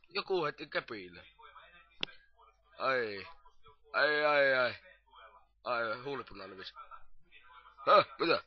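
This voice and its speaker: A man in improvised amateur comedy, rowdy and mocking, who often shouts crude insults. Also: mid-range voice, muffled recording.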